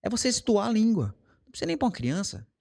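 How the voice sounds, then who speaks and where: Racing along in a high, creaky, darkish voice with huge pitch swings, a Brazilian man who teaches English speaks casually to camera. He lays out his method through everyday examples and acted quotes at a changing pace.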